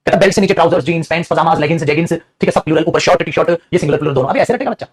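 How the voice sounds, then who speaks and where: A man with a raised, husky voice teaches English grammar at a fast clip from a studio. He lectures in a lively, teasing way and keeps calling out to his students. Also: a little high. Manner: animated, teasing, calls students beta and pagle.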